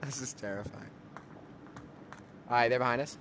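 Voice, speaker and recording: A young man giving casual commentary while playing a game with a friend, jumpy, swinging from hushed mutters to shrieking laughter. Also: medium pitch, fairly even intonation, moderate pace, heavy background noise.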